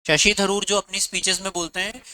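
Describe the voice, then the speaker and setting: A man's voice: high voice, little pitch movement, brisk, bright, forceful tone, low-quality recording. A male commerce teacher from Rajasthan, lecturing a classroom of students and firing repeated questions at them while mixing Hindi and English. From Rajasthan, India.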